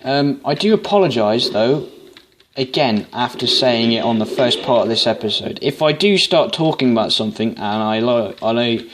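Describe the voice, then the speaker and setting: Guy swearing and rambling through a game playthrough, average pitch, noisy mic. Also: lively intonation, moderate pace. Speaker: gamer. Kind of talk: let's play commentary. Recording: noisy home recording.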